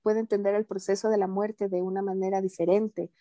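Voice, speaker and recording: A woman guest on a podcast, talking in a calm, earnest and gently reassuring way about spiritual matters. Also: medium pitch, brisk, dry recording. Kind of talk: casual interview talk.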